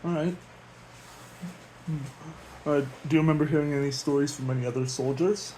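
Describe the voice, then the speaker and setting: A man's voice: a little high, fairly even intonation, moderate pace, darkish tone, poor audio. A teenage boy interviewing his father for a school assignment, speaking hesitantly with many fillers. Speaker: student interviewer. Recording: faint background noise with clicks.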